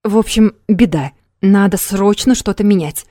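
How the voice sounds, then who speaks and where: A woman reading an audiobook, voicing a brash, scheming young man who talks loud and pushy. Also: mid-range voice, moderate pace, no room sound, clean studio sound, close to an everyday voice.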